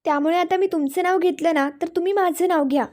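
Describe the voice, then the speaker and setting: This is a cheerful young husband in a spoken serial recap, coaxing his shy wife along. A woman narrator reads him out in a very high, soft-toned voice without much acting. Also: fast talker. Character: playful teasing young husband.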